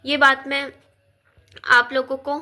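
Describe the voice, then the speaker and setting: A woman in her thirties speaks in a high, bright voice, but she is unwell and talks slowly and softly, as if worn out. It is a personal vlog recorded on a phone, addressed straight to her viewers. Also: flat delivery. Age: 30s. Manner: slow, subdued, tired delivery. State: unwell and weak. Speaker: vlogger. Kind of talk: personal talk to camera.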